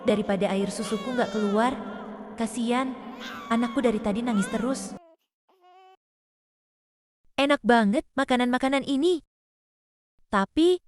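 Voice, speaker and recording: A woman's voice: on the high side, lightly acted. A woman voicing an exhausted young mother recovering from a caesarean, weary and pleading. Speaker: new mother.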